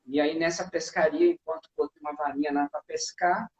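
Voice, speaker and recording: High-voiced man giving a testimony. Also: fairly even intonation, brisk. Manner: earnest, full of fillers like "né". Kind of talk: emotional personal testimony. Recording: echoey, dull-sounding room.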